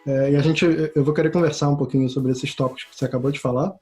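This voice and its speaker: A man's voice: mid-range voice, fairly even intonation, racing, warm tone, soft background music. A man hosting an interview, speaking in a friendly, informal way. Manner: friendly, informal, says "cara". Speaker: interview host.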